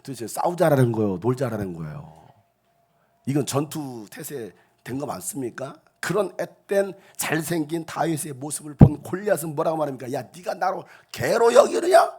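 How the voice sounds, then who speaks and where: A male pastor delivers an animated sermon in a church sanctuary. His voice sits a bit high for a man and sounds husky, and he keeps breaking into acted, gruff bits of street talk. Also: moderate pace. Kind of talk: lively sermon with acted quotes.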